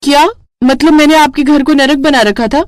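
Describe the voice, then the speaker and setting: Cartoon voice: woman playing a sharp-tongued young bride, tired and sarcastic, pitched high, dry close sound. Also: dry recording, natural voice. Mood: teasing. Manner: sarcastic, quick comebacks. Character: young bride, cheeky, overworked, complaining daughter-in-law.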